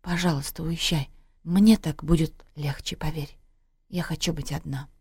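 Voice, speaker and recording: A woman reading a story, voicing a bitter young adult daughter who speaks in a slow, scornful hiss. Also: on the low side, mellow, no room sound, studio quality, close to an everyday voice. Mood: quiet firm. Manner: slow hissing whisper, scornful.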